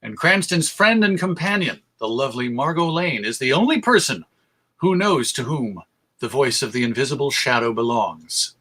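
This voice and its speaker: Speaking at normal speed with a medium-pitched, sing-song voice that is a bit bright and slightly rough, a radio show host and presenter delivers an illustrated history talk to an audience. He narrates it as a story, emphatic yet conversational.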